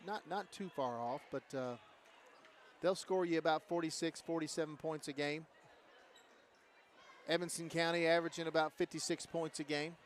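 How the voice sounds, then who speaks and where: A man offers relaxed, analytical color commentary on a basketball game, often pausing with fillers. His voice sits a little higher than most men's. Gym noise carries clearly behind him.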